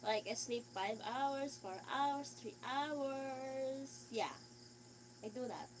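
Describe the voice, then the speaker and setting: A woman's voice: sits high, slow pace, slight background noise. A woman chatting casually with viewers on a live stream. She reads their comments aloud, answers in simple phrases and laughs easily.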